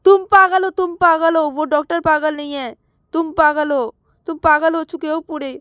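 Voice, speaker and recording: A woman voicing a patient young woman who coaxes and reassures, repeating herself to calm someone. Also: a little high, moderate pace, no room sound, clean studio sound, lightly acted. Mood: soothing.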